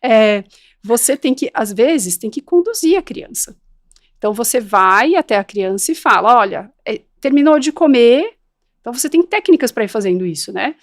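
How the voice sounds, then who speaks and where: Animated woman explaining parenting. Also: fairly high pitch. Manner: animated, acts out parents and children in quick voices; firm and direct. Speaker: guest parenting educator. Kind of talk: conversational podcast interview.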